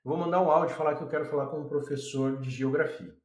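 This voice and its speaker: A man with a Brazilian Portuguese accent, casually walking viewers through a software demo and thinking aloud as he clicks. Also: a little high, steady tone, very fast. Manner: chatty, addresses viewers as a group, thinks aloud. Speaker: tutorial presenter. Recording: roomy echo.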